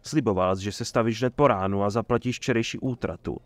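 A man's voice: lowish voice, dry recording, lightly acted. A man voicing a stern male innkeeper who speaks coldly and sarcastically. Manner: cold, sarcastic. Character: stern middle-aged male innkeeper, cold.

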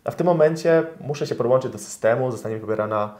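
Young lawyer, interview guest, explanatory delivery with fillers, addresses viewers. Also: male voice, mid-range voice, quick pace, a little mellow. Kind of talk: interview answers, explaining law.

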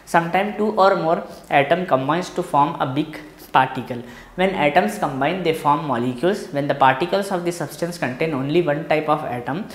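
A man with an Indian English accent teaching a physics lesson in a classroom, reading from the textbook slowly and then explaining in a quick mix of Hindi and English. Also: fairly high pitch, roomy sound. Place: classroom with a board.

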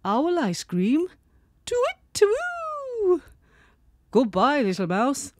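A woman's voice: high voice, huge pitch swings, slow, no echo, clean studio sound, voice pushed up, heavily acted. A woman voicing a hungry male owl who speaks politely and hoots.

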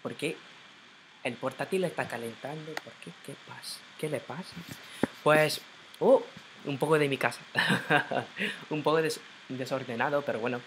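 A young American man talks casually to his laptop's mic at home in Spanish, his native English underneath. His voice sits at an ordinary middle pitch, and he hesitates constantly, cutting off words and starting them over. A faint hiss runs under the recording. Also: unhurried, fairly bright tone, rough recording. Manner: hesitant, stumbling restarts and self-corrections. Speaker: vlogger. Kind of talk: casual learner's vlog in Spanish.

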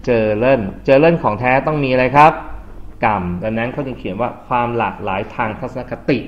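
A man's voice: medium pitch, brisk, slight background noise. A male English tutor teaching a classroom grammar lesson, quizzing students and mixing English terms into his explanations. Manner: quizzes students with frequent questions. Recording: dull lo-fi classroom recording.

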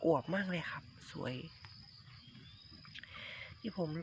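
A man speaks slowly as he casually shows viewers the plants in his rural garden, a vlogger who grows durians at home. He's polite and chatty, frequently repeats himself, and refers to viewers as his friends. Roosters, chickens and crickets ring out over loud outdoor noise in the dull, lo-fi phone recording.

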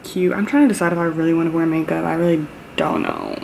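A woman's voice: sits low, wildly swooping pitch, quick pace, gravelly, a little mellow, a little hiss or hum. Chatty young woman vlogging to her camera. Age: young adult. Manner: chatty, talks straight to viewers, trails off with fillers. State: out of breath. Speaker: law student vlogger. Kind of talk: casual vlog chat. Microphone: on-camera mic.

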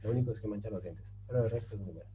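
A man's voice: lowish voice, rapid-fire, noisy background. A man teaching a casual language lesson, explaining patiently with many fillers and checking in with his listeners. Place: in Turkey.

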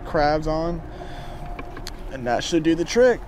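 A young man talking casually and excitedly while fishing from a kayak, recorded on an action camera outdoors. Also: a little high, takes it slowly, noisy background. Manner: excited, chatty, says man and guys a lot. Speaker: fishing vlogger. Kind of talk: casual outdoor vlog commentary. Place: kayak on open water under a bridge. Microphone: action camera on chest and pole.

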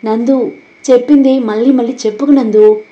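A man's voice: very high voice, fairly even intonation, normal speed, dark tone, dull audio. A woman voicing a scheming, possessive young man who plays the villain in a storybook drama, menacing in tone.

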